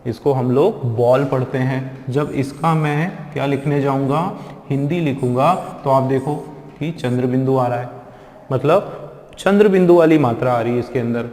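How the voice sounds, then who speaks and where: In an echoey room with long reverb, a man with a mid-range, slightly mellow voice teaches a spoken English lesson on pronunciation at normal speed. He explains step by step and often asks his students questions.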